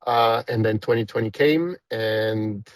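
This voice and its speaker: The guest, a company founder from Costa Rica in his fifties, talks in a casual, rambling way packed with fillers and marked by a thick Costa Rican Spanish accent. His fairly low voice moves at an unhurried pace, with no echo.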